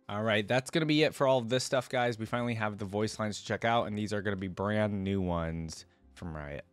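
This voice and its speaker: A male reaction channel host with a lowish voice reads lore aloud and mulls it over in relaxed commentary, checking in with rhetorical questions. The recording has no echo.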